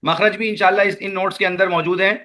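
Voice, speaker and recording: A man with a Pakistani Urdu accent leads an online recitation class. He drags out each sound patiently so his students can copy it. His voice sits high and sounds bright. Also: fairly even intonation. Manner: patient, repeats sounds slowly for students to echo. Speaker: Quran recitation teacher.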